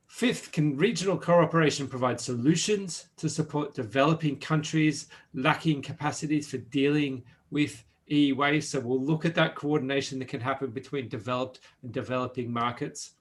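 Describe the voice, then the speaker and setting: A man moderating a conference panel, setting out questions in a brisk, structured way. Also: mid-range voice.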